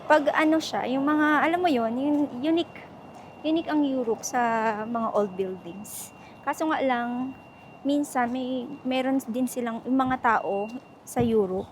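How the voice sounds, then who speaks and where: Young woman vlogging on the go: chatty, laughs a lot, mixes Tagalog and English, a bit high-pitched. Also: a little mellow, a little hiss or hum. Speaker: travel vlogger. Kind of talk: casual travel vlog chat. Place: outdoors on city streets.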